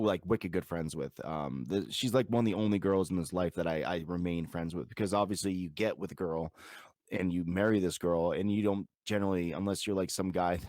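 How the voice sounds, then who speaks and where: This is a man, a podcast guest, with a very low voice. He talks in a loose, rambling way, full of fillers and casual swearing. The sound is dry and close, with no room around it. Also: a little mellow, no echo. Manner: rambling, profane, lots of filler words. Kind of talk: casual storytelling chat.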